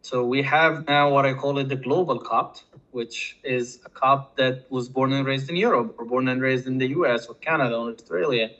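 Bright-voiced man with an Egyptian accent. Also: mid-range voice, lo-fi sound. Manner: hesitant, halting delivery with repeated words. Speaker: podcast guest. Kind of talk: casual conversational interview.

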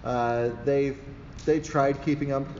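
A man narrating a tabletop game as game master, improvising in a halting way with pauses to think. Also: medium pitch, fairly even intonation. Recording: echoey hall, muffled, loud background noise.

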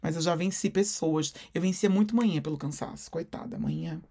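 A man with a Brazilian Portuguese accent co-hosting a podcast, telling stories in a lively way and acting out quotes. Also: a little high, a little fast, vocal fry, slightly rough. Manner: animated storyteller, acts out quotes. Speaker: podcast co-host. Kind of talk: casual chat.

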